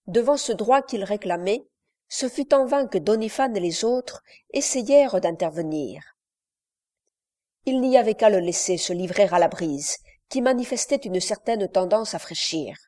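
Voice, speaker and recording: Lady reading a classic novel aloud, warm mellow tone, steady and measured. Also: mid-range voice. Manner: measured, literary. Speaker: audiobook narrator. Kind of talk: scripted narration.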